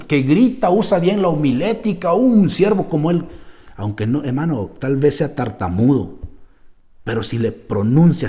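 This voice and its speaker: Male pastor, church sermon, lively pitch swings, warm tone, dips quiet for emphasis. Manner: emphatic, keeps addressing listeners as "hermano"; drops to a low, quiet voice for stress, then rises.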